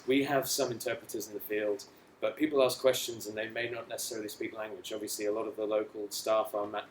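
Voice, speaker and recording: A man from an aid agency giving a measured, explanatory conference presentation with some hesitations, in an echoey hall. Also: lowish voice, slight background noise.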